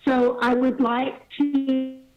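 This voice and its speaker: A woman's voice: sits high, little pitch movement, takes it slowly, dull audio. A woman calling in to give public comment, her voice cutting in and out over a choppy connection as she halts and restarts phrases. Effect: choppy breaking-up call connection that cuts in and out. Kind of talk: public comment at a county meeting. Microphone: remote call line.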